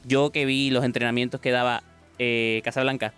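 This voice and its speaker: A man's voice: mid-range voice, flat delivery, normal speed, a bit bright, clean tone, soft background music. A man, co-hosting an interview and asking long conversational questions. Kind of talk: casual interview chat.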